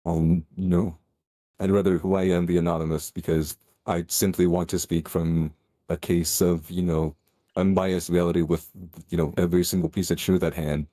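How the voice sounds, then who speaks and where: A man's voice: deep voice, little pitch movement, moderate pace, dark tone, no echo, clean studio sound. A man speaking through a voice changer in a voice-chat debate, rambling with many fillers and restarts.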